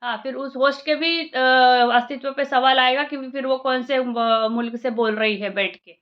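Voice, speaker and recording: A woman's voice: high voice, fairly even intonation, normal speed, dull audio. A woman vlogger giving a heated, scolding reaction, firing off rhetorical questions and slipping in English phrases.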